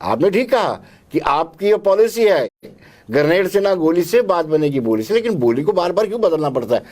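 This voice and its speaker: A man's voice: high voice, sing-song, a little fast, darkish tone. A man interviewing a politician, asking pointed, challenging questions.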